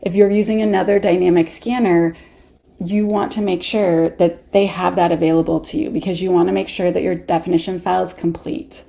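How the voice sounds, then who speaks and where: Chatty Canadian woman with a gravelly voice. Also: lowish voice, steady tone, fairly quick, mellow. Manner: chatty, laughs often, answers viewer questions. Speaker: workshop presenter. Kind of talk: live online workshop talk.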